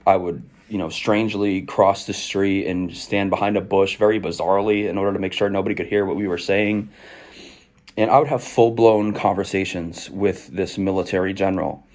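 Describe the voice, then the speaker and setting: A man's voice: low voice, fairly even intonation, normal speed, darkish tone. A man in his twenties telling a personal story and reading aloud from old emails, explaining things in articulate, formal wording. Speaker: video creator recounting own past.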